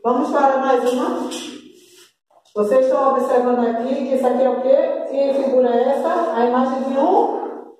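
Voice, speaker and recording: A woman's voice: high voice, fairly even intonation, normal speed, darkish tone. A woman teaching first graders from Brazil, reading words syllable by syllable and asking the class questions in an affectionate tone. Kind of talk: slow syllable-by-syllable reading lesson. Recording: echoey room, voice from a distance.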